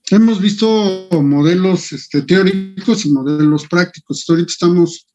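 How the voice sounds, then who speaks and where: A man's voice: sits high, moderate pace, a little mellow, poor audio. A man teaching an online engineering class, thinking aloud and muttering to himself as he works on screen. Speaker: engineering lecturer.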